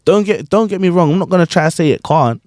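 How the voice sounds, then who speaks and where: A high-voiced grime MC hosts a podcast, talking fast and casually about performing. He's animated and full of slang, checks in with his guests, and frequently says "you get what I'm saying." The sound is echo-free and studio quality.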